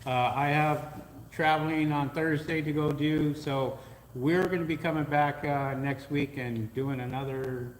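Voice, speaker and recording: A podcast co-host on a live show greets viewers and reads their comments aloud in an easygoing way, filling his speech with frequent uhs. His voice is a little high, steady, and unhurried, in a roomy space with a long reverb tail, slight background noise, and poor audio quality.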